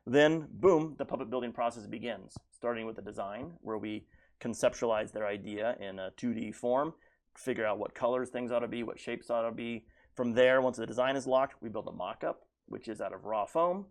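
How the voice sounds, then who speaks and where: A man's voice: medium pitch, moderate pace. An American man who builds puppets, explaining his work in a casual interview.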